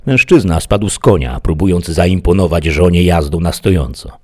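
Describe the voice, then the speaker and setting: A man narrating a dramatic audiobook story with an expressive, tense delivery. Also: sits low, normal speed.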